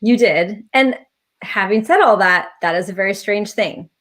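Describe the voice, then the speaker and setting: A woman's voice: mid-range voice, normal speed, a bit bright. Woman, facilitator, casual live stream chat, reflective, video call sound. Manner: reflective, laughs often. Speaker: class facilitator.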